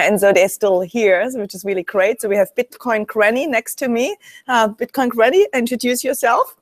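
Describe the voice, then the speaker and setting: A woman on a live panel talking enthusiastically, halting and restarting her sentences. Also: fairly high pitch, dry recording. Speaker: panel co-host. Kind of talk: casual chat.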